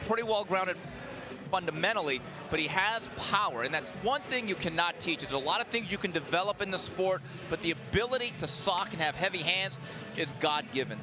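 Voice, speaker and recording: A man's voice: sits high, expressive, fairly quick. A man giving live boxing analysis in an emphatic, explanatory way. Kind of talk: live sports commentary. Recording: music from the venue behind commentary.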